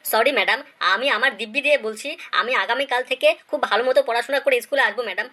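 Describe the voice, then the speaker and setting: Speaking very fast at a medium pitch, a performer portrays a cheeky schoolboy in an animated comedy piece, pleading deferentially through his excuses.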